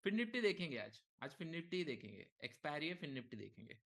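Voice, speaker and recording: A man leading a live market lesson, talking casually and thinking aloud, with frequent okays and short pauses. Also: fairly high pitch, very animated, a bit bright. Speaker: trading instructor. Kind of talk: live market teaching session.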